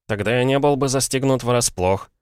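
A man voicing an indignant, pompous older gentleman stuck in a schoolboy's life, in an audiobook. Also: medium pitch, moderate pace, clear, resonant tone, no echo, clean studio sound, pitched above the performer's own voice, lightly acted. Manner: outraged, shouting, pompous.

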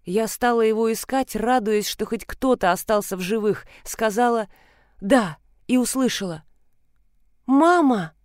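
A woman narrating an audiobook in a clear, even reading. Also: on the high side, moderate pace, hardly any pauses, no room sound, clean studio sound.

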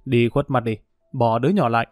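Brief: man reading as a tough gang leader, gruff and quick, dry close voice. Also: medium pitch, a little mellow, no room sound, soft background music, natural voice. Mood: menacing. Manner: gruff, threatening. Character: menacing male gang leader, tough and curt.

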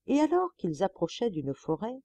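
A woman reading a fairy tale aloud in an expressive, animated storybook narration. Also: medium pitch, normal speed, no echo. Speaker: audiobook reader.

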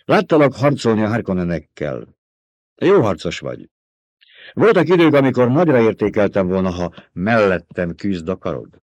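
A man's voice: fairly low pitch, big pitch swings, no echo, pitched above the performer's own voice. A man reading an audiobook, voicing a proud, blunt male desert warrior who speaks sharply and with scorn. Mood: scornful. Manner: sharp, mocking.

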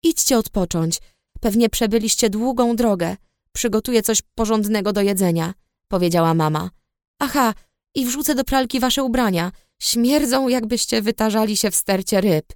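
A woman reading the part of a caring middle-aged mother who speaks softly and soothingly. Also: fairly high pitch, normal speed, dry recording, clean studio sound, lightly acted. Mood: gentle.

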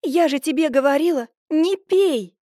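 A woman voicing a bustling, scheming middle-aged village woman who talks in quick, exclamatory bursts. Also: high-pitched, warm tone, dry recording, clean studio sound, pitched above the performer's own voice. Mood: fussy. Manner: fast, fussy, exclamatory.

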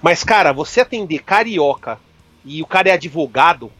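A man who is a guest on a casual podcast, telling rapid, profane, animated anecdotes. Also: on the high side, no echo, soft background music.

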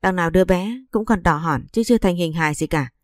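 A woman's voice: lowish voice, fast talker, no room sound, studio quality, natural voice. A woman voicing a cold, scheming middle-aged mother-in-law who talks in a curt, dismissive way. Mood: pleading.

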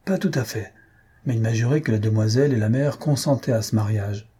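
A man's voice: medium pitch, a little fast, dark tone, slightly rough. A man reading aloud, voicing a carefree young nephew who teases and cajoles his aunt. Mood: arguing. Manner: cajoling, flippant.

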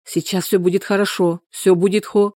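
A woman voicing a flustered young husband who talks in hurried shouts. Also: mid-range voice, flat delivery, no room sound, clean studio sound, close to an everyday voice. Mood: anxious.

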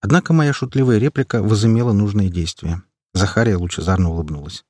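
Low husky male audiobook narrator. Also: fast, darkish tone, dry recording, clean studio sound. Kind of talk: first-person audiobook narration.

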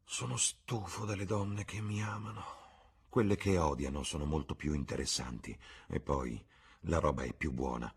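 A man voicing a jaded, murmuring young gentleman. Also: extremely low pitch, normal speed, slightly rough, full character voice. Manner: murmured, quiet and cynical.

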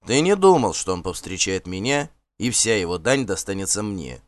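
A man's voice: sits low, big pitch swings, normal speed, dry recording. A man voicing a stern, contemptuous Norse warlord in an audiobook, commanding and scornful. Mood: cold. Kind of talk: audiobook character voice.

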